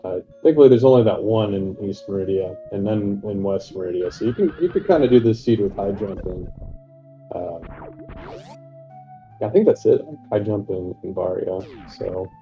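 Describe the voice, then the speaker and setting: A man's voice: fairly low pitch, moderate pace, soft background music. A man chatting casually as a player guest. He sounds distant and echoey, muffled as if through a wall, and talks in a laid-back, rambling way full of fillers. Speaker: player guest on a race stream. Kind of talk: casual chat. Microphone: far from his mic on a voice call.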